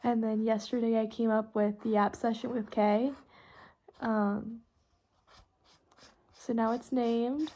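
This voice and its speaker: Speaking slowly and pausing often, a Texan teen girl hosts a podcast with a fairly high, dark voice and flat delivery. She chats informally and rambles in a youthful, casual way while coloring, with pencil and marker scratching on paper; she comes from Texas, United States.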